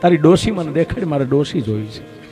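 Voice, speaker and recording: A man's voice: fairly high pitch, animated, brisk, lightly acted. A male storyteller voices a young bride who speaks tenderly while weeping, over plucked strings. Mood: tearful. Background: plucked string music.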